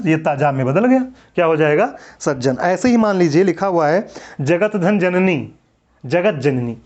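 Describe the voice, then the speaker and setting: A man with a slightly higher-than-average, a little mellow voice gives a classroom lecture on Hindi grammar. He repeatedly asks a question and answers it himself, drawing out words as he repeats them, on a dull, lo-fi recording.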